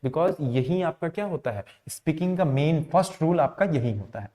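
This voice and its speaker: A man teaching an English lesson, explaining slowly, repeating words for emphasis and answering his own questions. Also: on the high side, animated, dark tone. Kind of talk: classroom lesson.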